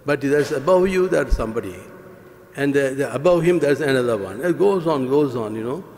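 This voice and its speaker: Older man, priest, earnest homily, halting with fillers, church reverb, stand mic. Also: medium pitch, expressive, darkish tone. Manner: gesturing, earnest, many fillers and restarts. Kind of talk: homily at Mass. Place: church sanctuary, indoors. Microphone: stand mic at lectern.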